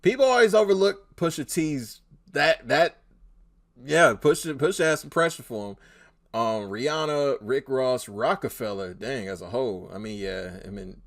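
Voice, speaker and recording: A man reacting to a clip in a loose, casual way, laughing and talking back at it. His voice swings between loud excited bursts and low mutters, with a lively pitch. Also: normal speed. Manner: animated, laughs often, talks back to clip. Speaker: reaction streamer.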